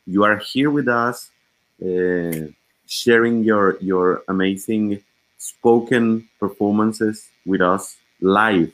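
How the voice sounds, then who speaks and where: A man hosting an online performance event, halting and repeating words as he talks. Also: on the low side, rough recording. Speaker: host. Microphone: video call.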